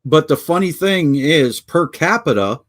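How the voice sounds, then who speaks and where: Slightly high-voiced, with lively intonation and a measured pace, this Pennsylvanian co-host jokes and wanders off topic in a relaxed podcast chat. He fumbles with his notes on the video call.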